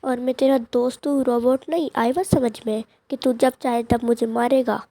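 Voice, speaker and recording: A woman's voice: a little high, steady tone, normal speed, background noise, voice pushed down, natural voice. A woman voicing a hurt, angry boy who threatens his friend in a game roleplay. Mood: sulky. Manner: sulky, threatening. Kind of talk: Hindi game roleplay voiceover.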